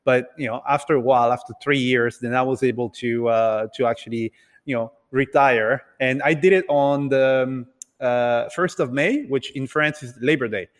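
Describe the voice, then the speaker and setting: A medium-pitched man who grew up in Italy and several other countries tells his story casually as a podcast guest and entrepreneur. His delivery is hesitant and halting, with repeated words, in a reverberant, hall-like room.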